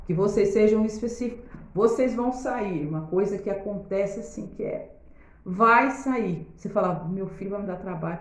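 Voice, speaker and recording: A woman with a Brazilian Portuguese accent, a pedagogue giving parenting tips in a casual video, talking straight to viewers and often checking in with them. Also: mid-range voice. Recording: roomy, slightly dull sound.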